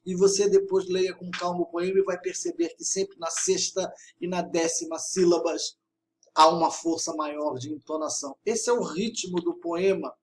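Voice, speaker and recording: A man with a fairly high voice teaches poetry in a video lesson. He explains patiently and stresses syllables as he reads verse aloud. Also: steady tone, moderate pace, slight background noise. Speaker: literature teacher.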